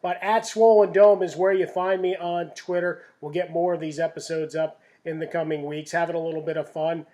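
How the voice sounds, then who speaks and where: A middle-aged man hosts a home cooking segment with a chatty, folksy delivery and punchy asides. His voice sits a little high for a man. He sounds set back from the mic in an echoey home kitchen. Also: flat delivery, brisk, few pauses, warm tone, far from the mic. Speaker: host of a home cooking show. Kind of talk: casual cooking demonstration.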